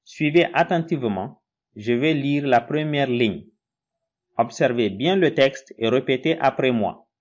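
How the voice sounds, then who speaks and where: A man teaching in a recorded lesson, slow and patient, spelling out syllables one by one. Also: medium pitch, animated, lo-fi sound. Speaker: Quran reading teacher.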